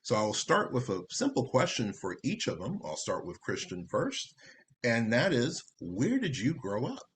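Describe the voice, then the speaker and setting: A man's voice: medium pitch, huge pitch swings, moderate pace, a little hiss or hum. A man hosting an interview, chatty and rambling, with many fillers and restarts. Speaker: interview host. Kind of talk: casual interview over video call.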